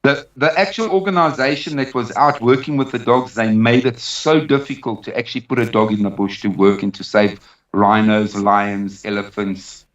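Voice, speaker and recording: The speaker is a dog trainer with a South African accent, giving an interview with fairly even intonation and a mid-range voice at a moderate pace. He tells a personal story emphatically and repeats phrases for weight, captured in a distant, roomy, dull recording.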